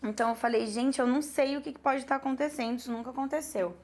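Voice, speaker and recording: A woman in her thirties with a Brazilian accent tells her students a story from her work as a makeup artist. She talks in an animated way and acts out every exchange in quoted dialogue. Her voice sits a little high. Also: quick pace. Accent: Brazilian Portuguese. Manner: lively, animated retelling with quoted dialogue and laughs.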